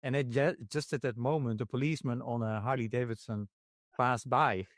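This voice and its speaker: Male podcast host from the Netherlands, mid-pitched, halting and self-deprecating, dry close sound. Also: steady tone, no echo. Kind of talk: casual interview chat.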